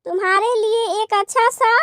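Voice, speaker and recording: A woman's voice: very high-pitched, fairly even intonation, normal speed, a bit bright, no room sound, clean studio sound. A woman voicing a sad, stubborn young schoolgirl in a cartoon story. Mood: upset.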